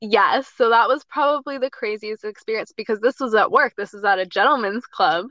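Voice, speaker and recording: A woman guesting on a podcast, telling a story in an animated way and laughing often. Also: fairly high pitch, brisk, no echo, highs cut off.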